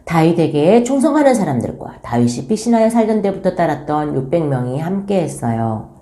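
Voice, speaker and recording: Low-voiced woman teaching a children's Bible lesson. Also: very animated, brisk. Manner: gentle, addressing children directly. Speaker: church school teacher. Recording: roomy echo.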